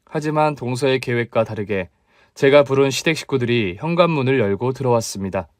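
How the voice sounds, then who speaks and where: A man narrating a radio drama in an even, plain storytelling way. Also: medium pitch, a little fast, no room sound, studio quality.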